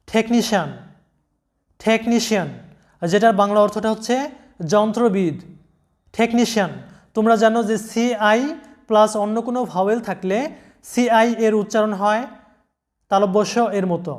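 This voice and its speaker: A man giving a slow, deliberate vocabulary lesson, spelling out letters and repeating each word. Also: sits high. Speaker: English pronunciation teacher.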